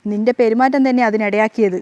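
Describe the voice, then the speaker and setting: A woman voicing a proud young husband who is quick to anger and speaks in stern, curt lines, in a storybook retelling. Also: on the high side, fairly even intonation, warm tone, dry recording, muffled recording, lightly acted.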